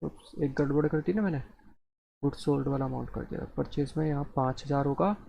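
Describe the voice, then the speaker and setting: A man's voice: medium pitch, fast talker, vocal fry, mellow. A man teaching an accounting lesson, reading sums aloud and asking and answering his own questions. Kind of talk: screen-recorded lesson.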